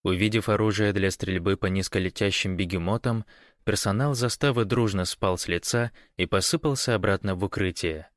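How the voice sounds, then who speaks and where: Low-voiced male audiobook narrator. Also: fairly quick, no room sound, clean studio sound. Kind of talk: scripted fiction narration.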